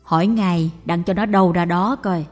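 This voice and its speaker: A woman voicing a frail elderly mother who speaks softly and firmly. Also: on the low side, steady tone, normal speed, close to an everyday voice. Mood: gentle. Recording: long reverb with faint music.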